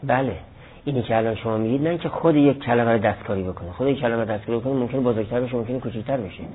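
A man with a mid-range voice and slight background noise gives a classroom lecture on Arabic grammar. Explaining each step with examples, he also replies to students' questions, and the recording is lo-fi, much like a phone's.

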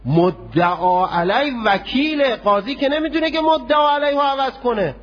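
A man giving a seminary law lecture, arguing through hypothetical court cases in a lively, questioning way. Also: extremely high pitch, lo-fi sound. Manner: argumentative, poses hypothetical cases. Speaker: religious law teacher.

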